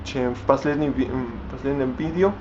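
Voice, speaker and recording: A young Spanish-speaking man vlogs off the cuff in a language he's learning, halting often, restarting words and using fillers as he hunts for them. His middle-pitched voice holds a steady, slightly mellow tone. The recording is a bit dull and lo-fi, with faint hiss beneath it.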